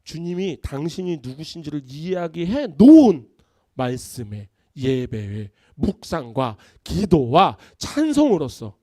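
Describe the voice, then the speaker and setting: A man, a pastor, preaching a sermon in an animated, conversational way in a church. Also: on the high side, no room sound, clean studio sound. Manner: animated, conversational preaching with acted-out family quotes. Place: church sanctuary.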